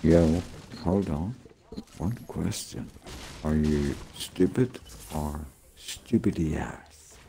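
A man's voice: very deep voice, slow pace, creaky, warm tone, slight background noise. A man chatting casually and jokingly with friends while recording gameplay. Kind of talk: casual joking gaming banter.

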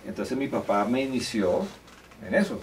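Here an older Colombian musician from Córdoba tells anecdotes about his career, chatting casually and restarting hesitantly now and then. His voice is medium in pitch with a moderate pace. The relaxed storytelling interview takes place in a room by a grand piano, recorded on a distant mic with faint room noise.

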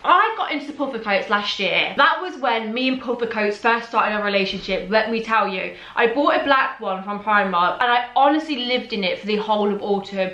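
Lively and a little fast, with few pauses, a young woman in her twenties tells viewers, "guys," about her clothing purchases from her bed in a bedroom. Her mid-range voice has a sharp tone and is slightly hoarse from talking. The room echoes and the highs are cut off.

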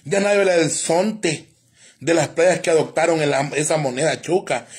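A man with a strongly husky, somewhat high voice rants live to his viewers. He preaches, insults and prophesies doom. The delivery is heated and sermon-like. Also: moderate pace. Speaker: live streamer. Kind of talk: ranting live-stream monologue.

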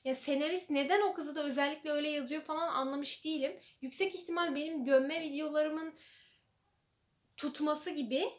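A young woman talks casually to her camera about TV shows, using plenty of fillers and slipping into quoted lines. Her voice sits high. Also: steady tone, brisk. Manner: chatty, lots of fillers, acts out quoted lines. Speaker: vlogger. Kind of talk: casual chat.

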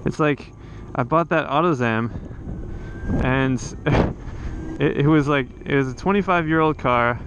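Riding along the coast, a man records a casual vlog monologue on his helmet camera, rambling with frequent restarts and fillers. He speaks unhurriedly in a mid-range voice; the sound is lo-fi with a noisy background.

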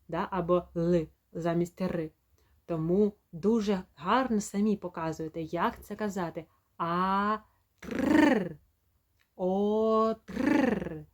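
A woman speech therapist gives a lesson at home, explaining calmly and demonstrating sounds slowly and clearly. Her voice sits on the low side.

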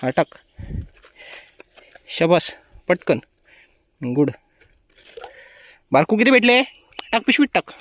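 A man's voice: high voice, very animated, takes it slowly, long pauses, a bit bright. Man urging kids on outdoors. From Konkan, India. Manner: encouraging, urging children on. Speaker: vlogger. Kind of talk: casual outdoor vlog narration. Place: outdoors by a small stream pool.

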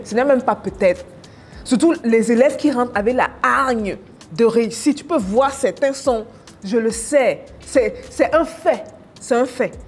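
A woman's voice: on the high side, darkish tone, a little hiss or hum. A woman business coach walking viewers through products on screen in a casual, teasing, exclamatory way. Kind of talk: casual screen-share teaching.

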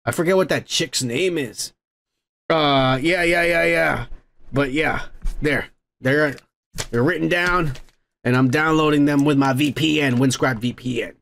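A man's voice: a little high, unhurried, creaky, fairly bright tone. A man hosting a show and reading viewer comments in a rambling, profane, casual way, his microphone heavily compressed. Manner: rambling, swears freely, frequent restarts. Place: home.

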